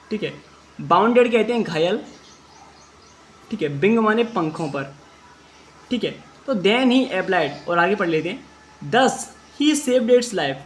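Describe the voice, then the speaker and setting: A man teaching an English class, reading English sentences slowly word by word and then explaining each word step by step. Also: sits high, fairly bright tone. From India. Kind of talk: classroom translation lesson.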